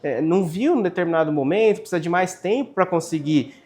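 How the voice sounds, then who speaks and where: Brazilian school podcast host, mid-pitched, affirming and building on the guest. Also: fast, a little mellow. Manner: agreeable, adds to guest's points. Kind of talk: casual school podcast interview.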